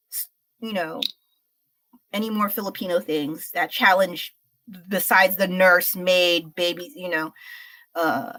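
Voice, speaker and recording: A woman's voice: lowish voice, a bit bright, low-quality recording. A woman chatting casually on a livestream while she paints, frank and rambling, a little unwell. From United States. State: slightly unwell. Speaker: streamer.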